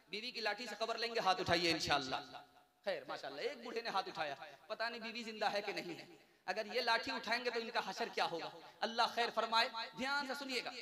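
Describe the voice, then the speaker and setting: A man preaches to a large gathering in a high voice, telling stories and acting out the dialogue in them. His words ring on in a long reverb through the loudspeakers, with a loud crowd behind him. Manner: storytelling, acts out dialogue, ends in drawn-out chant. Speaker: mufti preacher. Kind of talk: Urdu-Hindi sermon with stories and sung verse.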